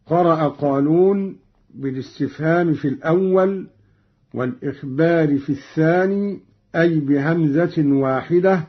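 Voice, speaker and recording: Husky slow-speaking Egyptian sheikh. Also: male voice, fairly high pitch. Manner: deliberate, recites each example twice. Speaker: teacher of Quran reading variants. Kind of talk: slow measured explanation with recited examples. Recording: dull lo-fi radio recording.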